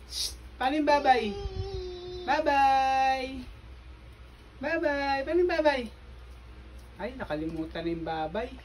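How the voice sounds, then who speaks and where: A mother in a casual home video, gently coaxing her toddler son and repeating simple questions over and over. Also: a little high, very animated, moderate pace, pauses often, slight background noise, poor audio.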